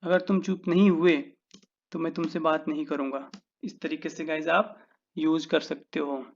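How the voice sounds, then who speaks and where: A man's voice: on the high side, level tone, moderate pace, vocal fry, highs cut off. A man with an Indian accent teaching English phrases in a casual lesson, drawing out his example sentences word by word and calling his viewers "guys".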